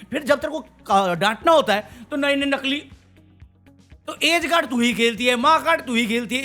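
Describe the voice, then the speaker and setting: High-voiced man ranting about a reality show. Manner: animated, mocking, switches to English phrases. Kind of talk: heated casual commentary.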